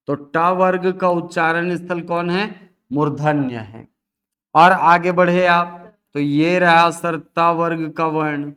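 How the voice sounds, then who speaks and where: Male teacher, fairly high and resonant voice, explaining step by step and answering his own questions. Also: a bit bright, smooth. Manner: asks and answers his own questions, addressing students as sir. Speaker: Hindi teacher. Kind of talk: classroom lecture on phonetics.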